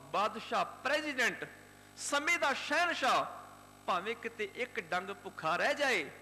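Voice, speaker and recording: Punjabi preacher guy telling a story, fervent n rhythmic, bright ringing voice, echoey hall w faint hum. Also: sits high. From Punjab, India. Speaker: Sikh preacher. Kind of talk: religious storytelling sermon.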